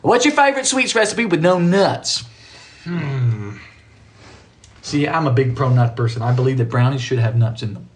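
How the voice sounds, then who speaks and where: A man's voice: mid-range voice, expressive, normal speed, background noise. A man hosting a live baking stream from his kitchen, chatting casually with viewers, playful and joking, laughing often. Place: home kitchen.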